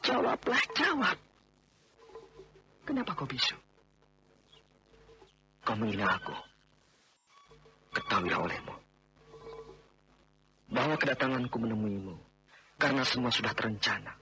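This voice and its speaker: A man's voice: lowish voice, expressive, normal speed, long pauses, sharp tone, soft background music. An actor playing a domineering man who insists on marrying a woman he wronged, in a 1980s radio drama. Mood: frustrated. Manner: insistent, overbearing, then remorseful.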